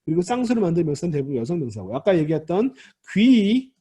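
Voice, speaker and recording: A male teacher giving a recorded lecture, his voice slightly raised in pitch and sweeping up and down. He sounds a little husky, patiently restating words and telling his students not to worry. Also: sing-song, quick pace, dark tone. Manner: patient, repeats key words and restarts to explain; addresses students directly and reassures them. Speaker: Hebrew grammar teacher.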